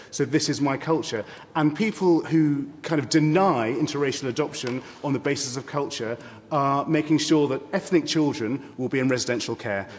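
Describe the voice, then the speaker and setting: A man's voice: medium pitch, long reverb tail, slight background noise. A man in his thirties from Barbados, a guest arguing emphatically and insistently in a studio debate.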